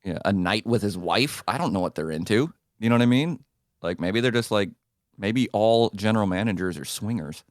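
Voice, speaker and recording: A man with a very low voice co-hosts a hockey podcast and riffs with crude, wisecracking humor. The recording is dry and close-miked. He swears casually and keeps the talk loose. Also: expressive, moderate pace, no room sound. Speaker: podcast co-host.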